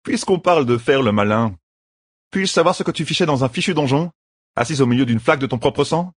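Man doing a young rogue, storybook, sarcastic, grumbling, lively pitch. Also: brisk, no echo, clean studio sound, lightly acted.

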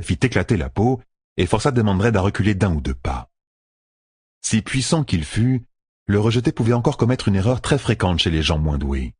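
A man reading a fantasy novel aloud as an audiobook narrator, in a measured, even way. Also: low voice, husky, no echo.

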